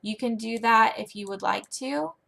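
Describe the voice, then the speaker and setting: Chatty young woman with a gravelly edge. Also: normal speed, sharp tone. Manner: chatty, demonstrates teacher lines in a high, exaggerated sing-song. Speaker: online English teacher giving a tutorial. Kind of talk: casual screen-recorded tutorial.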